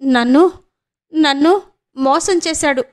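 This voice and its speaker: A woman's voice: high voice, takes it slowly, voice pushed up. A woman voicing a distraught young woman, a heartbroken younger sister who pleads tearfully and stammers.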